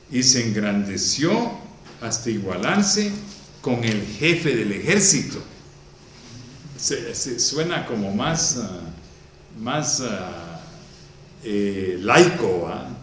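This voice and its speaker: A male pastor reads scripture and comments on it in a slow, deliberate sermon. His pitch rises and falls widely as he stresses key words. The recording is heavy with hall echo and carries a faint background hiss. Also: sing-song, far from the mic. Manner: reads verses aloud, then comments on them slowly and emphatically. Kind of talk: sermon, reading and explaining scripture. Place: church hall. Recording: very echoey hall.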